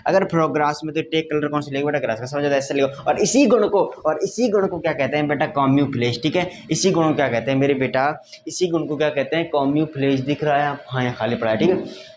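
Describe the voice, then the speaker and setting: A man's voice: fairly high pitch, fairly quick, slight background noise. A man teaching a science lesson, repeating points and often asking if students have understood. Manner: repetitive, addresses students as "beta", asks frequent checking questions. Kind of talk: classroom lecture with whiteboard.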